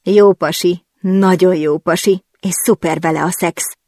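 A woman's voice: medium pitch, animated, no echo, clean studio sound, close to an everyday voice. A woman voicing a carefree, blunt young woman friend who gossips and teases. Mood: gossipy. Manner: blunt, giddy and teasing.

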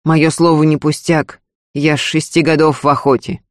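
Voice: mid-range voice, level tone, normal speed, no room sound, clean studio sound, natural voice. A reader voicing a blunt, stubborn young hunter in an audiobook. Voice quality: terse, unsmiling. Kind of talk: audiobook character voice.

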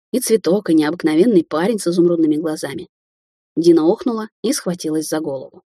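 A woman narrating an audiobook in a steady, even storytelling manner. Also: on the low side, breathy edge, dry recording, clean studio sound.

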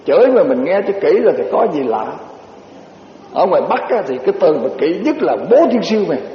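An older man, a Buddhist monk, giving a slow dharma talk, telling stories and reciting verses. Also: very animated. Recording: echoey hall, dull low-fi recording with faint hiss.

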